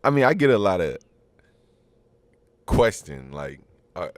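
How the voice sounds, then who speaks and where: A young man talking casually as a guest, halting and restarting with "I mean" and "like". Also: sits low, big pitch swings, no echo. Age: young adult. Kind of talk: casual chat.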